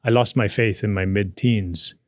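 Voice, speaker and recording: A man's voice: fairly low pitch, steady tone, normal speed, a bit bright, no room sound, studio quality. A man of around sixty with a Maltese accent, speaking conversationally as an interview guest and telling personal stories in a self-deprecating way. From Malta. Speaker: podcast guest.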